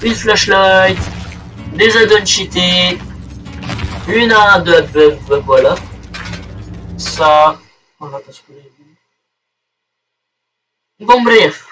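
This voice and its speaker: A young man giving crude, excitable commentary while he plays a game, swearing often. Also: high voice, extremely slow, pauses often, recorded from a distance, poor audio. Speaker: gaming video creator. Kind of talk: playing commentary. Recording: voice set back from the mic, game music behind.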